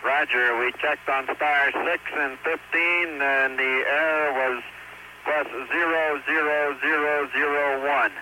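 A man's voice: on the high side, steady tone, takes it slowly, bright, forceful tone. A man speaking as an astronaut over space radio, reading out numbers digit by digit in a clipped, procedural way. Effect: space radio transmission. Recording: noisy archival space-to-ground radio, clicks.

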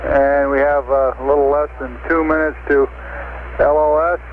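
A man working as mission control communicator, speaking clipped radio procedure over a two-way radio link, measured and pausing with "uh". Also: medium pitch, little pitch movement. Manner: measured, with frequent "uh" pauses. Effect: heard over a crackly two-way radio link. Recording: noisy phone-like radio transmission.

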